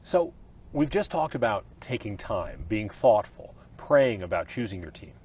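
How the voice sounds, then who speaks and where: A middle-aged man delivers a scripted leadership lesson in the open air, sounding like a pastor who preaches for a living. His voice carries a light husky grain, and his pitch moves in a lively, animated way. The delivery stays earnest and expressive throughout. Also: measured pace. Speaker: pastor teaching a leadership course. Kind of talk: scripted teaching session. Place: outdoors at little league ball fields.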